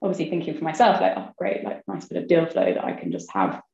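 Very animated and quick, the young woman speaks in a fairly low voice that is gravelly and dark. As a venture investor guesting on an interview, she chats casually with plenty of "like" and "kind of," and the recording is roomy and slightly dull.

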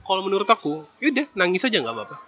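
High, bright-voiced young-sounding man advising. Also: big pitch swings, very fast. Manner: chatty, slangy, drops in English phrases. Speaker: vlogger giving advice. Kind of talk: casual advice talk to viewers.

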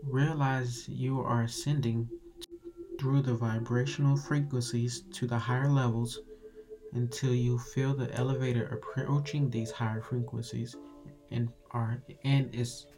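A man narrating a guided meditation in a calm, soothing, measured meditative tone. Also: mid-range voice. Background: music.

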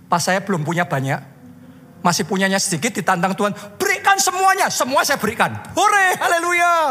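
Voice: mid-range voice, slightly rough. Passionate, emphatic preacher. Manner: passionate, emphatic preaching with sudden loud bursts; casual asides to the congregation. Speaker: pastor. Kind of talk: sermon.

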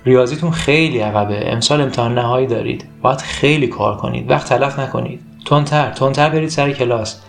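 A stern village schoolteacher, gravelly-voiced and brisk, firing off orders to his class, as a storyteller puts him on. His pitch sits in an ordinary middle range, and faint music plays beneath the storybook reading. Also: natural voice. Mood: commanding. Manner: brisk commanding orders to pupils. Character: stern but caring male village schoolteacher.

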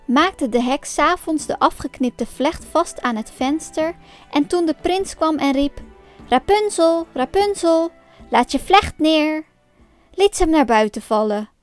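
High-voiced woman reading a fairy tale. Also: moderate pace, faint music behind. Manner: calm, clear storybook reading. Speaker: storyteller.

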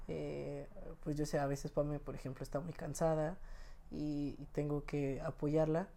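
A young man in his twenties with a Mexican Spanish accent, talking as a podcast guest. His voice is soft and mellow, and he laughs easily as he tells his stories in a relaxed, casual way. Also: on the high side, unhurried, vocal fry. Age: 20s. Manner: laughs often while telling stories. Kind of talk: casual interview storytelling.

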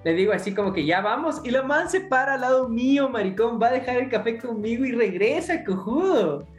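A man's voice: very high-pitched, animated, a little fast, roomy sound, faint music behind. A young man with an Ecuadorian accent co-hosting a podcast, rambling in slang-heavy casual chat and laughing often. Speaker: podcast co-host.

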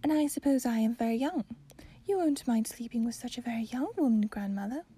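A woman voicing a sweet, eager little princess in a storybook, with a lilting, breathy delivery. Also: fairly high pitch, fairly quick, mellow.

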